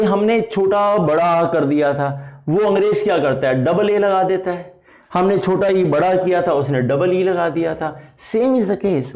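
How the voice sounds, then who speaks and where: A man's voice: fairly high pitch, darkish tone. A middle-aged man with an Indian English accent, teaching a grammar lesson in mixed Hindi and English, repeating his points and checking that listeners follow. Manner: switches between Hindi and English, repeats points, asks listeners if they understood. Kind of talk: classroom explanation mixing Hindi and English.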